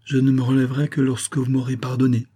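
A man's voice: medium pitch, level tone, fast, warm tone, slightly rough, pitched above the performer's own voice, natural voice. A man voicing a devoted young noblewoman who pleads with her father in an audiobook. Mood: pleading. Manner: pleading, earnest.

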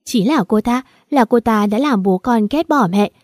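A scheming mother who begs in a melodramatic, sobbing way, voiced by a woman reading the story. Her voice is fairly high with a dark, mellow tone. It is recorded dry. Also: normal speed, no room sound, lightly acted.

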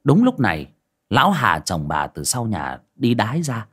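A male narrator tells a village horror story in an animated, dramatic voice. His intonation rises and falls widely, and his tone is husky. He builds suspense as he reads. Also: on the low side, normal speed. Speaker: audiobook narrator.

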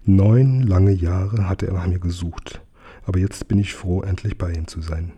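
A man narrating a children's audiobook in a calm, measured way. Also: deep voice, slightly rough, highs cut off. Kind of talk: audiobook reading.

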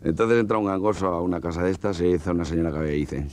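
Chatty joke-telling man, low voice. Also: steady tone, racing, a little mellow. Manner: chatty, laughing storyteller. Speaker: comedian.

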